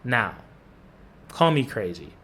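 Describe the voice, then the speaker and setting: A man's voice: lowish voice, big pitch swings, slow, a bit bright, slight background noise. A man doing reaction commentary on a basketball video, with sarcastic, profane trash talk.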